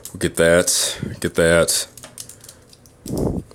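At an indoor tabletop display, a man reviews toys in an informal, matter-of-fact hands-on demo, his low voice completely flat and very slow. Handling clicks and clear background noise come through in the recording.

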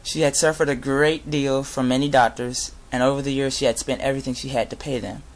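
A young adult man giving an informal sermon with Bible readings, speaking earnestly and a little haltingly. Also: medium pitch, steady tone. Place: inside a garage. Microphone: device camera at close range.

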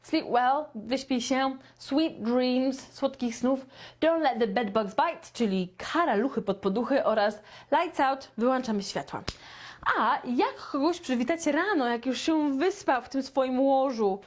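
A young woman teaching beginner English, repeating phrases slowly and clearly for learners. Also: sits high. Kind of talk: slow beginner language lesson.

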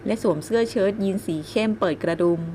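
A woman narrating a romance novel audiobook in a slow, even storytelling voice. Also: mid-range voice, slight background noise. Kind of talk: scripted narration.

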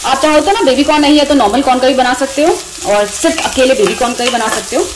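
Her voice sits high and she talks fast. In her thirties with an Indian accent, this home cooking host narrates a conversational voice-over sprinkled with English words, while sizzling from the kitchen is clearly audible.

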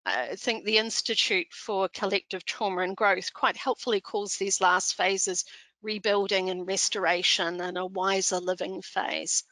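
Bright-voiced older New Zealand woman. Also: mid-range voice, fairly even intonation, measured pace, dry recording. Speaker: speaker on disaster chaplaincy. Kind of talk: presentation on a video call. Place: indoor room. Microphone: headset on a video call.

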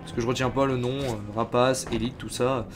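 A man streaming a game live, chatting casually and reacting loudly as he plays. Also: medium pitch, level tone, a little fast, over music. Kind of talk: live gameplay commentary.

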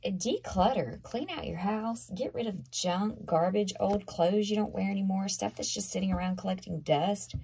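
A hoarse woman with a Southern US accent gives a casual tarot reading, chatty and emphatic, often repeating herself. Her voice is gravelly and very husky, with a dark, mellow tone. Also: mid-range voice, moderate pace, hardly any pauses. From Southern United States. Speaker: tarot reader.

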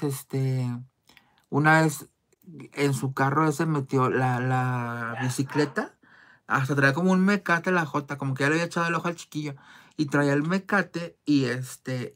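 Chatty woman telling gossip. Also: very deep voice. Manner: chatty, candid, crude slang, many fillers. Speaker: vlogger. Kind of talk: casual gossip storytelling.

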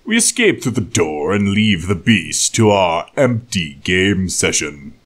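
Picture a formal, nervous young troll in an audio drama, as a man puts him on. He speaks slowly and stiffly, with a low voice. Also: very animated, full character voice. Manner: stiff, old-fashioned formality.

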